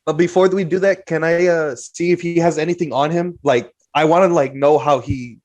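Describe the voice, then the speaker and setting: A man's voice: fairly high pitch, fairly even intonation, moderate pace, darkish tone. A man chatting casually as a player in a tabletop role-playing game. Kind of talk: casual chat.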